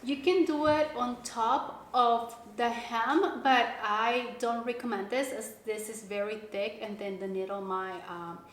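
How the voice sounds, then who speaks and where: A woman giving a casual step-by-step craft tutorial, talking in a relaxed way with many fillers and restarts. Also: on the high side, measured pace, hardly any pauses. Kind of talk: casual how-to instruction. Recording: echoey room with faint background noise.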